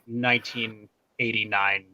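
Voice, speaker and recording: A man hosting a casual rewatch podcast, chatty and quick to laugh as he steers the talk. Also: on the low side, level tone, pushed and bright, no echo. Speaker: podcast host.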